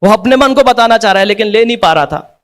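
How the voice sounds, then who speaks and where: A man giving a devotional talk in a relaxed, conversational way, with a strikingly high-pitched voice. He explains through everyday examples and keeps turning to his listeners for agreement. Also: fast. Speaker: devotional speaker. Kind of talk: devotional lecture.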